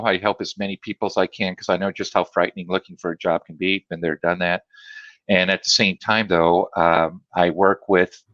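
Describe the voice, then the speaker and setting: A man's voice: deep voice, fairly bright tone, dry recording, lo-fi sound. A man, a guest trainer in a casual interview, talking from his home office in an enthusiastic, rambling way with many restarts. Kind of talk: casual video-call interview.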